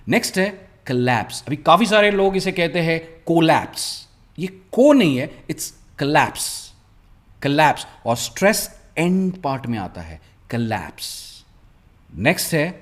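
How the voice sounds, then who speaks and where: A man teaching a spoken English lesson, drawing out each model word slowly and coaxing his viewers to repeat after him. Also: a little high. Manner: slow, stretched-out model pronunciations of words; lively, coaxing teacher's delivery.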